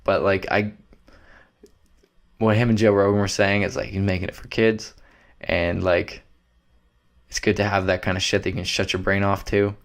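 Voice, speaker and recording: A man's voice: low voice, little pitch movement, normal speed, long pauses. A young man, hosting a solo podcast in a loose, rambling, profane way. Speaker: podcast host.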